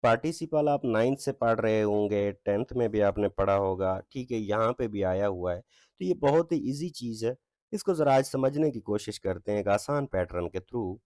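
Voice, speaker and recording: Male English teacher, mellow and dry, reads examples slowly with heavy stress. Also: lowish voice, animated, dry recording. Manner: reads English lines slowly with stress, asks "ठीक है?" often. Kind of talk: explaining a textbook exercise.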